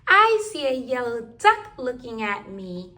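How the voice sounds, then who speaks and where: A woman's voice: on the high side, sing-song, a little slow, sharp tone. A woman reading rhyming picture books aloud to toddlers in a sing-song, rhythmic way. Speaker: children's book reader.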